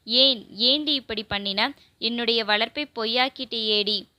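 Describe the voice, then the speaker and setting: A furious, lamenting mother, as a woman reader puts her on in an audio novel. The voice is bright and a little high. It sounds close and dry. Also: steady tone, a little slow, dry recording. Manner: scolding, lamenting. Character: grieving, furious middle-aged mother.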